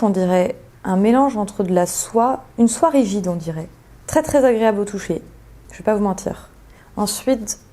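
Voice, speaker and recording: A woman's voice: medium pitch, warm tone. A young woman chatting casually as a sewing vlogger, thinking aloud with lots of hesitations as she describes fabrics. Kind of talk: casual chat.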